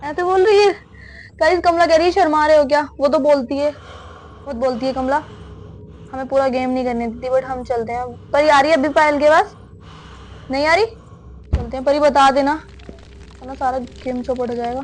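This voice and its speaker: A woman's voice: high-pitched, fairly even intonation, normal speed, long pauses, slight background noise. A young woman hosting a horror game let's-play, chatting casually to viewers and keeping up a stream of questions to a helper beside her. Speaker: gaming video host.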